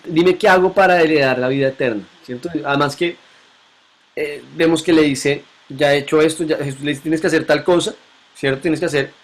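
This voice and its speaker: A male teacher leads a classroom Bible lesson. His voice sits somewhat high, and he keeps asking his students questions and repeating the key points back to them.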